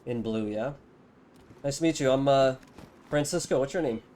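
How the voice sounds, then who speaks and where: A man's voice: mid-range voice, moderate pace, warm tone. A young man streaming a game, chatting casually and amiably with strangers he meets. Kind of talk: casual chat while playing a game.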